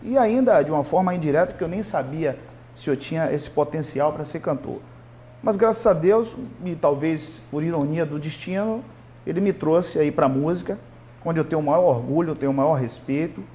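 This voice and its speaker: A man from Salvador, a singer guest on a TV interview show, speaking gratefully and modestly in relaxed chat. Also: fairly high pitch, normal speed, a little hiss or hum. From Salvador, Bahia, Brazil. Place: local TV studio.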